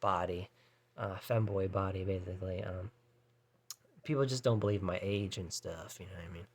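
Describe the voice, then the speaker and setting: A man's voice: low-pitched, steady tone, moderate pace, slight background noise. A man in his thirties talking to camera in a rambling, hesitant way, full of fillers and restarts. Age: 30s. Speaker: vlogger. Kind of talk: casual rambling monologue.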